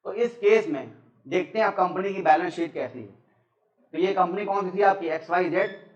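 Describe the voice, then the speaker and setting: A man's voice: high voice, animated, normal speed. A male teacher giving a classroom lecture in a conversational way, asking questions and calling his students "beta", with an Indian accent in English words. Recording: echoey classroom, distant mic, muffled.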